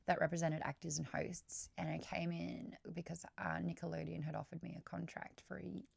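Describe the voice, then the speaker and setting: A woman's voice: fairly low pitch, level tone, moderate pace, vocal fry, slightly rough, no room sound. A woman, co-hosting a podcast in casual, teasing chat. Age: 30s. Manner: teasing, playful. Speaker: podcast co-host.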